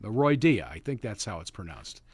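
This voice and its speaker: A man hosting a live morning radio show, chatting in a halting, folksy way from the studio and calling listeners neighbor. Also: lowish voice, very animated, darkish tone, husky, dry recording. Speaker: radio host. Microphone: studio mic.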